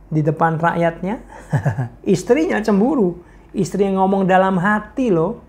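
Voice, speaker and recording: A woman's voice: low-pitched, a little mellow. A woman preacher from Indonesia giving a casual devotional talk, playful and laughing often as she speaks. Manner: playful, laughs often, mixes in English slang.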